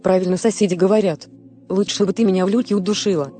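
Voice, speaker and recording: A woman voicing a hungry, angry five-year-old village boy who whines resentfully, in a dark, mellow tone. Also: mid-range voice, steady tone, fast, soft background music, natural voice. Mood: whining. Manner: whiny, resentful.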